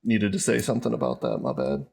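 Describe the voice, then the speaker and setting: A man's voice: lowish voice, very animated, fast talker, creaky, a little mellow. A man chatting at a tabletop game, sounding confused and apologetic. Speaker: player. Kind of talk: casual tabletop game chat.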